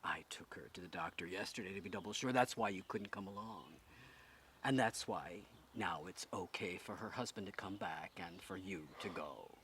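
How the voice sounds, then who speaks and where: An actor playing a volatile film director who stammers and bursts into shouting. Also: male voice, sits low, normal speed, breathy edge, heavily acted. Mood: hushed, scheming.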